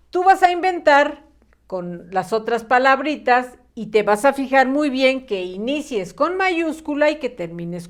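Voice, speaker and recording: A woman teacher leading a children's literacy lesson, encouraging the young viewers and stretching out syllables. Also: high-pitched.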